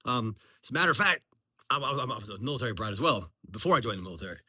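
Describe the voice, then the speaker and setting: Almost fifty and in his 40s, a Virginia man who vlogs about his military veteran life talks off the cuff in a rambling, profane, blunt way, ums everywhere. His voice is mid-range, bright, forceful and slightly rough, animated and racing along.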